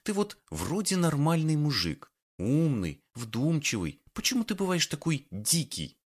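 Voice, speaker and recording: A man reading an audiobook, voicing a sharp-tongued, bossy young woman who scolds and mocks. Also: on the high side, huge pitch swings, unhurried, breathy edge, pitched above the performer's own voice, exaggerated voice. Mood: exasperated. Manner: scolding, mocking.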